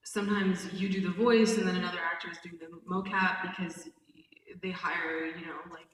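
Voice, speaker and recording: A chatty actress speaking on a panel with a somewhat low voice. She is picked up from a distance in a big echoey hall with a long reverb tail and some faint background noise. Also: steady tone, normal speed. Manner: chatty, self-conscious about speaking loudly. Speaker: voice and mocap actor on a panel. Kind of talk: casual panel talk. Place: large convention panel room.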